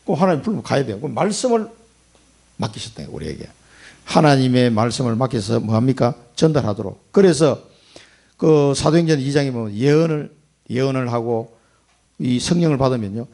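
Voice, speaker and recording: A man preaching a sermon in a gravelly, husky voice. His pitch sits a little high and swings widely, rising and falling with emphatic bursts. He speaks as a pastor in a church sanctuary. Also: animated, brisk. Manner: emphatic preaching with sudden rises and drops in pitch and loudness.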